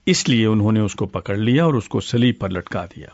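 A man playing an older uncle who calmly explains stories in a scripted dialogue drama. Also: lowish voice, no room sound. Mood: calm explaining. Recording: muffled lo-fi dry studio audio.

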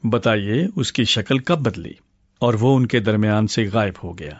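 A man playing an older uncle who calmly explains stories in a scripted dialogue drama. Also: lowish voice, dry recording, natural voice. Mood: calm explaining. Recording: muffled lo-fi dry studio audio.

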